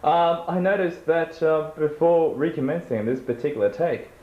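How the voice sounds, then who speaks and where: A man's voice: on the high side, normal speed, slight background noise. A man asking long-winded, mock-formal questions in an improvised comedy interview. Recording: roomy and dull.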